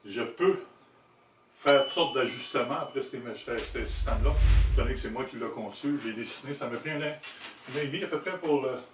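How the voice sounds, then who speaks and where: Echoey distant recording, man, Québécois French accent, mid-pitched voice, informal product demo, halting explanations. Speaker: presenter demonstrating motorcycle gear he designed. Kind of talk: informal hands-on product demonstration. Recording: echoey room, distant mic, handling noise.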